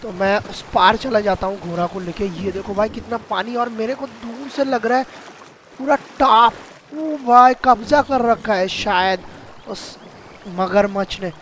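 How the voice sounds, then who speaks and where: Man, gameplay commentary, excitable, high voice, Hindi-speaking Indian accent, game noise behind. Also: measured pace. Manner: excitable, addresses viewers as guys.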